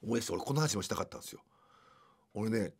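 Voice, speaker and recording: A man's voice: lowish voice, animated, racing, creaky, slightly rough. A man in his fifties with a Kansai accent, hosting a casual radio show from a studio, telling stories and often laughing mid-sentence. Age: 50s. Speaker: radio host.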